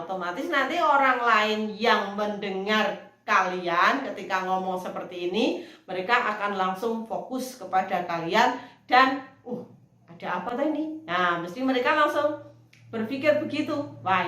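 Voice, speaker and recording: A woman teacher, explaining slowly in a recorded lesson and acting out model phrases in a loud, high voice. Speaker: English teacher. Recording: echoey room.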